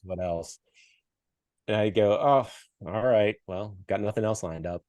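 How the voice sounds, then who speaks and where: A man's voice: on the low side, measured pace, a little mellow, no echo. A middle-aged man from Western Pennsylvania telling a story in a casual interview, acting out the people he quotes and laughing often. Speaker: podcast guest, coach and speaker.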